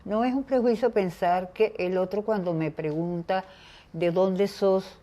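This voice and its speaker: An older woman from Venezuela, speaking as an interview guest in a reflective conversation, pausing often to search for her words. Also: medium pitch, steady tone, dark tone. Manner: thoughtful, pauses to search for words.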